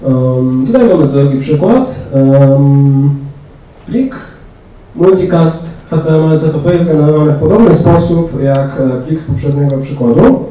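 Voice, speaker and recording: A young man giving a technical talk in a large lecture room, pausing often with fillers. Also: fairly high pitch, dark tone. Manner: hesitant, many fillers. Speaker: conference speaker. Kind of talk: technical presentation. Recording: echoey hall, distant mic.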